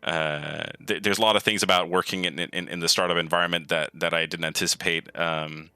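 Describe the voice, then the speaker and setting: A man's voice: low voice, fairly even intonation, a little fast, pushed and bright, smooth, no room sound. A man being interviewed about his work as a game programmer, talking casually and enthusiastically with many restarts and repeated words. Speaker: lead gameplay programmer, guest.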